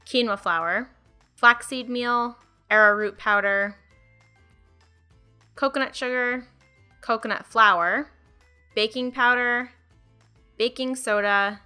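A young woman in her twenties hosts a cooking channel from her home kitchen, walking viewers through a recipe in an upbeat, friendly, chatty way. Her mid-range voice is bright and forceful.

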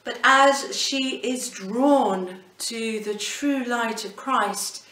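Middle-aged woman, devotional talk, slow and measured, fairly high voice, roomy echoey hallway, a bit off-mic. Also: recorded from a distance. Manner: slow, measured, gently emphatic delivery with hand gestures. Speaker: cathedral canon presenting a series. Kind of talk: reflective devotional talk and reading. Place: indoor hallway at the foot of a staircase. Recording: roomy echo, voice a little off-mic.

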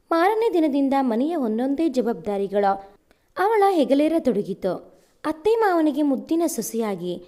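A woman narrates a romantic family story in an even, measured way. Her voice is pitched high. Its tone is warm and mellow.

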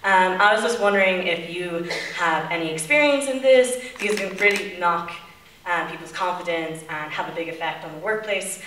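A woman's voice: on the low side, moderate pace, a bit bright, distant mic, slight background noise. A young woman from the audience politely asking the panel a question, a little hesitant. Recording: roomy hall, voice from the mic.

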